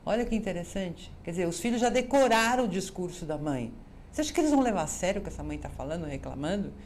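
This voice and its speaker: Woman, Brazilian Portuguese accent, psychologist host, advice talk, lowish voice, faint background noise. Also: quick pace. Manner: lively, acts out quoted dialogue.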